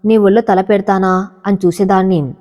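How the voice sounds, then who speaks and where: A woman's voice: medium pitch, fairly even intonation, normal speed, warm tone, in a large hall, natural voice. A woman voicing a tender, tearful young village woman who pleads emotionally in a storybook narration. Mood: pleading.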